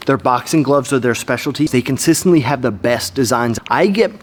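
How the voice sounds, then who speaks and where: A young man hosting a casual vlog, talking in a playful, joking way with quick asides. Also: medium pitch, lively intonation, a little hiss or hum. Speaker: video host.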